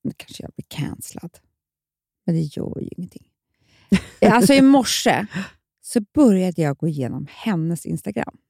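A woman's voice: on the low side, very animated, gravelly, pauses often, a little mellow, dry recording, studio quality. A middle-aged woman co-hosting a podcast, giving frank, emphatic opinions in casual chat. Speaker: podcast co-host.

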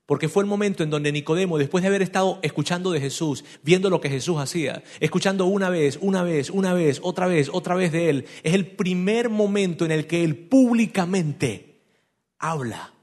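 Animated pastor preaching. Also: male voice, on the high side, moderate pace. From Venezuela. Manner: animated storytelling, acting out voices, direct questions to listeners. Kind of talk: sermon.

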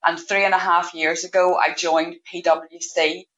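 A woman of fifty gives interview answers as a guest. Her voice is on the low side, and the recording is dull with a clear room echo. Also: little pitch movement, unhurried, a bit bright. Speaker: podcast guest, payroll manager. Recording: echoey room, dull lo-fi sound.

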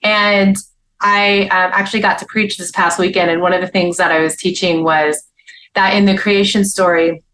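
A woman's voice: lowish voice, fairly even intonation, moderate pace, fairly bright tone, a little hiss or hum, poor audio. A woman guest, a speaker and author, talking earnestly about her faith in a casual interview, with frequent restarts.

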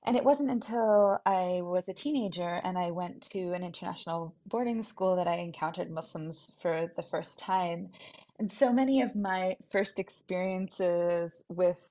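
A woman's voice: lowish voice, normal speed, dark tone. Thoughtful American woman, lo-fi sound. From New Hampshire, US. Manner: thoughtful, searching, with restarts. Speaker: scholar and teacher. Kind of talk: reflective personal talk. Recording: dull lo-fi recording.

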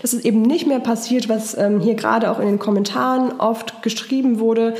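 A woman's voice: a little high, fairly even intonation, normal speed, darkish tone, reverberant. A woman voice and charisma trainer, coaching live and answering viewer comments in an encouraging, patient way. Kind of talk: live-stream coaching talk.

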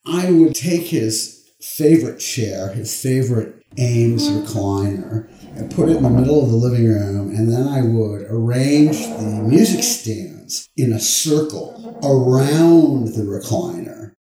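Slow, animated man in a roomy space. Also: mid-range voice. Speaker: interviewee telling about his father. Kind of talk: personal storytelling.

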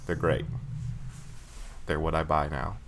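A man trades dry jokes in a casual podcast conversation, delivering absurd claims with a straight face. His voice sits very low. Faint background noise runs under him. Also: slow, gravelly. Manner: dry, jokey, deadpan exaggeration. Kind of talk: casual chat.

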